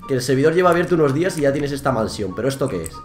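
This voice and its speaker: A man's voice: mid-range voice, big pitch swings, rapid-fire, music in the background. A young man with a Spain Spanish accent, teasing another player in casual gaming chat. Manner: teasing, mock-friendly. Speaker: youtuber pranking a player.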